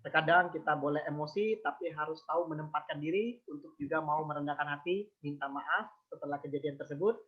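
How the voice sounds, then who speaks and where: A man's voice: fairly high pitch, brisk, few pauses, slightly rough. A man hosting an online seminar, upbeat and praising his guest as he moderates questions. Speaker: webinar host and moderator. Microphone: video call. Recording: muffled video call audio.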